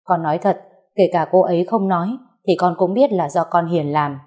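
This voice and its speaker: Storybook: earnest young husband, firm and pleading, voiced by a woman reader, low and mellow. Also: moderate pace, close to an everyday voice. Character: earnest young husband defending his wife.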